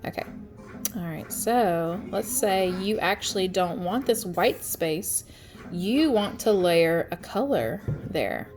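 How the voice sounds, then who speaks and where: A woman's voice: on the low side, lively intonation, slow, over music. A congested woman chatting through step-by-step instructions in a casual tutorial, with frequent ums. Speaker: craft tutorial host. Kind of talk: casual screen-share tutorial.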